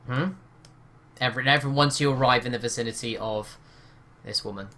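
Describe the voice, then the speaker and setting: A man's voice: mid-range voice, brisk, sharp tone. A man narrating as game master of a tabletop game, hesitant and full of "um" and "sort of" fillers.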